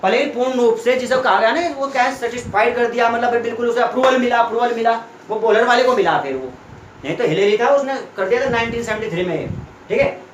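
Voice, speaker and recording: A man's voice: very high-pitched, fast talker, slight background noise. A young man tutoring students in a classroom, explaining chemistry step by step and often checking that they follow. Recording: echoey room.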